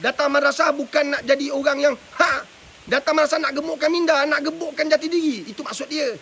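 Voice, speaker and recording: High-pitched, gravelly preacher man. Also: steady tone, quick pace, fairly bright tone, a little hiss or hum. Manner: preachy, keeps asking rhetorical questions. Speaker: madrasah religious teacher giving parenting advice. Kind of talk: live advice talk. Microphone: live stream mic with faint hiss.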